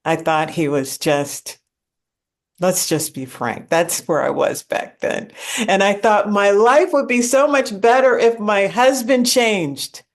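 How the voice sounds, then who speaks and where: A woman's voice: mid-range voice, slow pace. A woman in her forties, the host, telling a personal story in an earnest, reflective way. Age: 40s.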